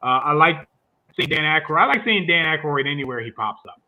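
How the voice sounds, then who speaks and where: A man's voice: a little high, expressive, a little fast, highs cut off, a crowd in the background. A man hosting a livestreamed movie review chat, rambling along with frequent fillers and restarts.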